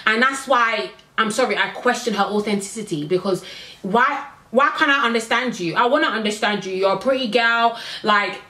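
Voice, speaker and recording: A woman's voice: a little high, normal speed, bright, forceful tone. Blunt woman with an echoey sound. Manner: blunt, opinionated, exasperated asides. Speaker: reality TV reviewer. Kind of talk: casual recap commentary. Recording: echoey room.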